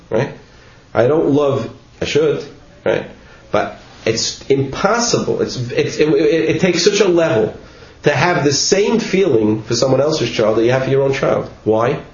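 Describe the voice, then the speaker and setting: In a mid-range voice with lively intonation, a teacher delivers a Torah class at an unhurried pace with few pauses. He reads text passages and explains them casually, repeating words and often asking "right?", captured in an echoey room on dull, faintly noisy lo-fi audio.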